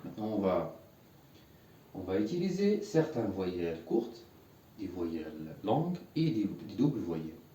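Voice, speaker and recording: A man's voice: sits low, very animated, a little slow, warm tone, distant mic, slight background noise. Patient male teacher in an echoey room. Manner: patient, repeats words and has learners repeat. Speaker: Arabic teacher. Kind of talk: classroom lesson at a whiteboard.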